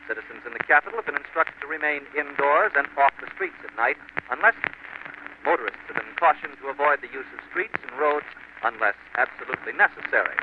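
A man delivering a measured live news report as a radio correspondent, heard through an old 1940s broadcast. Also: on the high side, animated. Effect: old 1940s radio broadcast sound. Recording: tinny old radio recording with loud hiss.

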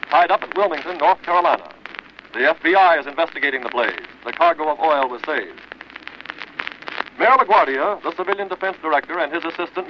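An American man reading a formal, declamatory 1940s radio newscast in an old newsreel manner. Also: on the high side. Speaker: radio news announcer. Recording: noisy, muffled 1940s radio broadcast. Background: loud radio noise.

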